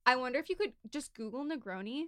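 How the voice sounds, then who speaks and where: A woman on a podcast, chatting casually and rambling with quick restarts. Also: high-pitched, expressive, a bit bright, dry recording. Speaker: podcast co-host. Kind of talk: casual chat.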